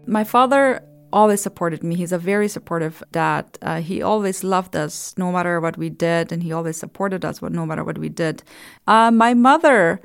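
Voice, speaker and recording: A woman's voice: lowish voice, clear, resonant tone, no room sound. A woman, telling her story in a documentary interview in an earnest, reflective way. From Afghanistan. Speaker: interviewee, former Olympic judoka.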